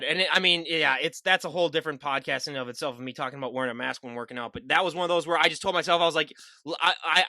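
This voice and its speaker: Fast, bright-voiced young male podcast host. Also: fairly high pitch, no room sound, studio quality. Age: young adult. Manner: fast, emphatic, with repeated "I mean". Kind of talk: casual interview chat.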